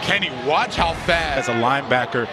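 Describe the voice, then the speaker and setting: A man with a slightly high voice gives live football analysis as a color commentator. He explains plays in an emphatic, conversational way. Loud stadium noise fills the background. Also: expressive, brisk. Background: noisy football stadium.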